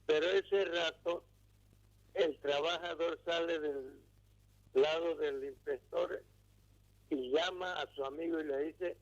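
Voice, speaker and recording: A man, calling a radio show over a phone line and slowly telling a legal story with pauses and restarts. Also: a little high, steady tone. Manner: pauses mid-phrase, restarts words. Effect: heard over a phone line. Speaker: radio call-in listener. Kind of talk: slow, halting storytelling to a legal expert. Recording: dull phone call on radio.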